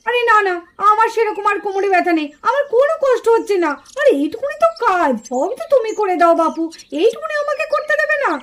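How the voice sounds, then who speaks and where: A woman's voice: extremely high pitch, sing-song, quick pace, hardly any pauses, a bit bright, full character voice. Woman doing a stubborn old mother-in-law. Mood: chiding. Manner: scolding, a little plaintive. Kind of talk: puppet show voice acting.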